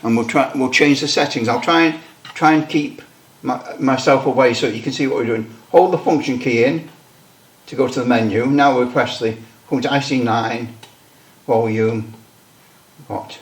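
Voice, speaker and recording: Fiddling with settings and microphones, a man with a mid-range voice at a normal speed casually demonstrates his CB radio equipment, musing aloud as he goes. Part of the test is done on a headset microphone.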